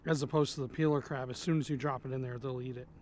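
A head-mounted action camera captures a man vlogging as he fishes from an outdoor pier over an inlet, chatting casually and muttering to himself. His medium-pitched, steady voice moves quickly and sounds a little mellow, with a faint hiss or hum.

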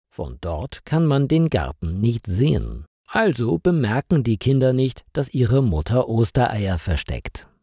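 A man reading a story aloud slowly and clearly for language learners, in a scripted narration style. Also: medium pitch, mellow, no room sound, studio quality. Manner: slow, clearly articulated reading.

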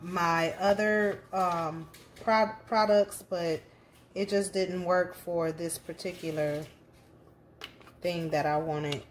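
A woman's voice: lowish voice, steady tone, slow pace, slight background noise. A woman hosting her own crafting channel, chatting casually and upbeat through an unboxing.

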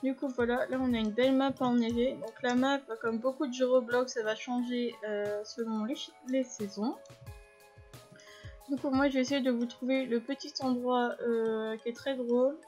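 A woman's voice: fairly high pitch, fairly even intonation, moderate pace, a little mellow. Chatty woman explaining a game. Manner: chatty, explains controls to viewers, frequent fillers. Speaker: gaming video host. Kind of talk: casual gameplay commentary. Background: faint game music.

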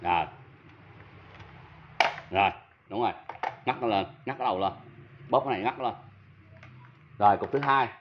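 A man's voice: on the low side, normal speed, long pauses, noisy background. Man, southern Vietnamese accent, casual tool demo, chatty and self-mocking, muffled audio, faint ambience. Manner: chatty, self-mocking, talks straight to viewers. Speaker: seller of used power tools.

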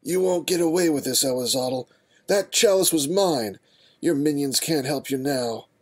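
A man voicing a fierce, brash young female pegasus who shouts threats. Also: fairly high pitch, normal speed, pitched above the performer's own voice, lightly acted. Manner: shouting, menacing.

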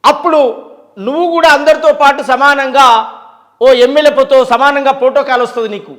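A man with a Telangana Telugu accent speaks as an interview guest, his voice extremely high-pitched, fairly even in intonation, a bit bright, and at normal speed. His talk is impassioned and emphatic, packed with rhetorical questions and long lists.

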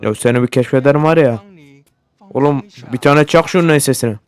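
A man giving casual gameplay commentary for his channel, swearing a lot and often yelling at the game in excitable bursts. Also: medium pitch, fairly quick, clear, resonant tone. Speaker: gaming YouTuber.

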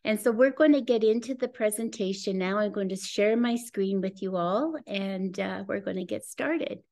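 A woman's voice: mid-range voice, moderate pace, a little mellow. A woman in her sixties giving an earnest, enthusiastic webinar presentation over a video call from home. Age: 60s. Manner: earnest, enthusiastic, personal testimonial. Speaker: presenter of a business opportunity. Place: home room with a scenic backdrop, indoors. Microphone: video call webcam.

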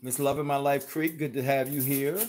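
Off camera in a kitchen, a man co-hosts a home cooking livestream, chatting casually and reading viewer comments aloud. His medium-pitched voice is flat and a little mellow at normal speed, with slight hiss or hum.

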